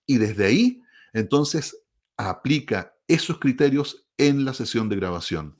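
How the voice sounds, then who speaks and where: A man who produces audiobooks, explaining the craft in a measured way and often checking in with the listener. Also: medium pitch, animated. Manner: measured, explanatory, frequent tag questions. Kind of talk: explanatory talk.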